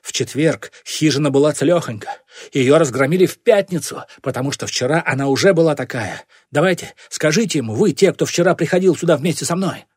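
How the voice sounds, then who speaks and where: A man's voice: medium pitch, lively intonation, moderate pace, breathy edge, dry recording, clean studio sound. A man doing a commanding boy gang leader, Lebrac. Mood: threatening. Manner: commanding, accusing.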